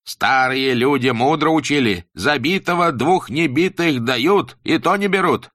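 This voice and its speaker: A man voicing a stern, pompous old-time schoolmaster who lectures in slow, rhyming sing-song sentences. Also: on the high side, fairly bright tone, dry recording, clean studio sound, pitched above the performer's own voice. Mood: gloating.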